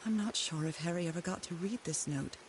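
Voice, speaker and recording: An actress voicing a curious young woman explorer in a game, with a thoughtful, quietly wondering way of talking. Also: lowish voice, fairly quick, a little hiss or hum, natural voice, poor audio. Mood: somber. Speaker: game protagonist.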